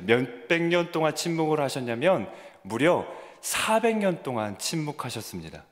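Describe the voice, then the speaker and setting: Young pastor preaching in a reverberant church. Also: male voice, fairly high pitch. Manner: asks the congregation questions, builds to emphatic peaks. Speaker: junior pastor. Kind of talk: sermon. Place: church sanctuary.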